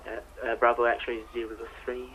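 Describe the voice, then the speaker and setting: A man's voice: mid-range voice, monotone, normal speed, fairly bright tone, slight background noise, poor audio. A man role-playing a police control dispatcher over two-way radio, with a clipped procedural manner.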